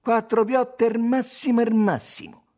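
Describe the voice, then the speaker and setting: A man's voice: very high voice, fairly even intonation, measured pace, a little mellow, voice pushed up, full character voice. A man voicing an amiable young lad from the Roman outskirts who drawls in slang with a Roman accent. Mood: easy. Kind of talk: audiobook dialogue acting.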